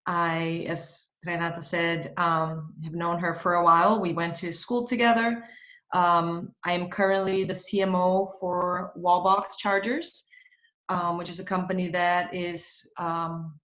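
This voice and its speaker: A Brazilian woman in her thirties, a marketing executive, appears as an interview guest on a video call from her home in Spain. She speaks thoughtfully at a measured pace with plenty of fillers, her fairly low voice level and fairly bright, with a reverberant sound.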